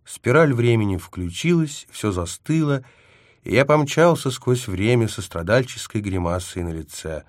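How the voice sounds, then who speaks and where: A man's voice: mid-range voice, animated, unhurried, dry recording, clean studio sound. A man narrating a science-fiction novel in the first person, wry and self-mocking. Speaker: audiobook narrator.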